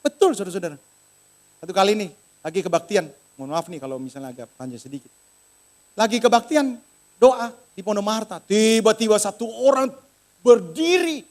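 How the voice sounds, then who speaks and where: A man's voice: sits high, fairly quick, pauses often. A middle-aged man preaching a sermon in a church, telling a story and acting out the voices in it. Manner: animated, acts out voices in quoted dialogue. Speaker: pastor.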